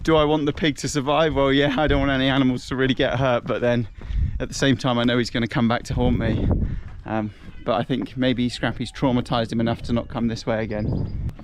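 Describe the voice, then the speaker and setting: A man's voice: mid-range voice, flat delivery, a little fast, background noise. A man hosting a family vlog, chatting in an upbeat, easygoing way while he walks around outdoors on a rural farm. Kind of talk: casual vlog narration.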